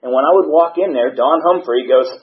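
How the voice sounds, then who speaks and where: A man's voice: on the high side, brisk. Candid man sharing his story at a podium. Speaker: recovery meeting speaker. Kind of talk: personal testimony at a podium. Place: meeting hall podium. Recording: dull, muffled recording.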